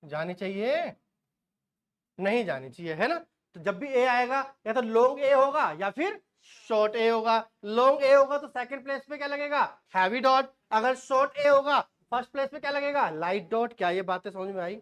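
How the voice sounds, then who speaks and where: A man's voice: very high voice, normal speed, a bit bright. A man in his forties teaching shorthand, quizzing the class and answering his own questions, with folksy asides. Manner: homely asides and jokes. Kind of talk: classroom lecture.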